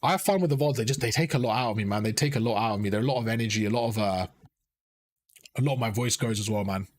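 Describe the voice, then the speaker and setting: A young man coaches players while chatting with his live-stream audience, casual and repetitive, calling chat "bro" and repeating phrases. His low-ish voice comes out rapid-fire and strained from all the talking.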